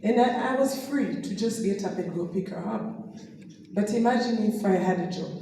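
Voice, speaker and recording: A woman's voice: medium pitch, normal speed, dark tone, recorded from a distance. Middle-aged woman in an echoey hall. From Tanzania. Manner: anecdotal, laughs often, hesitant restarts. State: recovering from a sore throat. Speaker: guest speaker, business distributor. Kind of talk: personal testimony on stage.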